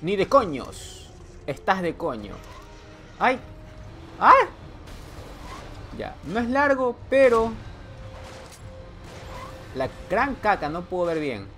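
A man narrates his own horror gameplay in a bright, high register that leaps all over the place. He delivers it unhurried, joking at the screen and breaking into sudden yells. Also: huge pitch swings, soft background music. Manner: teases the game character. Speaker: gameplay commentator. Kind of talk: let's play commentary.

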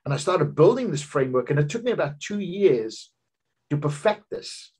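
Speaking from a home office over a webcam video call, a man in his fifties who works as a business coach presents an earnest seminar with slides. His storytelling pitch has emphatic rises, and his sing-song voice is a little mellow and slightly rough, at a moderate pace.

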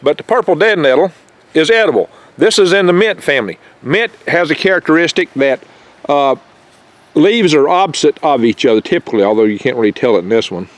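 Fairly high in pitch and expressive, the voice moves a little fast. It belongs to an older man hosting a foraging vlog outdoors in a garden of pine trees, talking in a folksy, rambling, chatty way with small jokes and stumbles into a close handheld camera mic.

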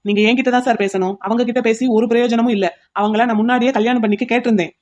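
A woman voicing a loud, indignant young man who is the fiancé in a cartoon. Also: on the high side, steady tone, racing, lo-fi sound, natural voice.

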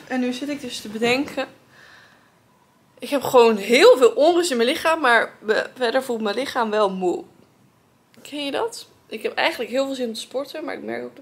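A young woman with a Dutch accent, chatting casually to a handheld camera at arm's length in her apartment, thinking aloud in a relaxed way. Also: on the high side. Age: young adult. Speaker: vlogger. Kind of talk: casual vlog chat. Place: apartment living room, indoors.

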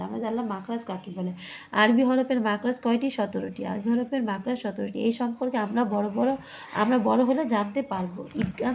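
A woman's voice: on the high side, gravelly, a little hiss or hum. Woman teacher, muffled lo-fi recording. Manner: asks questions and answers them herself, drawing out sounds. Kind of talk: classroom lesson explaining a textbook.

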